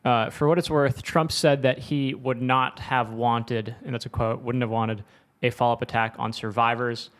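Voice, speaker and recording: A man co-hosting a news show, speaking in a relaxed, casual way with many fillers and reading quotes aloud. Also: medium pitch, moderate pace.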